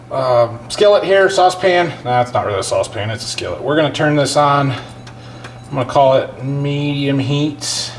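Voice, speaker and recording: Man hosting a cooking show, noisy kitchen. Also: medium pitch. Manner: folksy, explains each step to viewers. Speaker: home cooking show host. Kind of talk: casual cooking show demonstration, talking while working. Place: home kitchen, indoors. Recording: clear background noise, kitchen clatter.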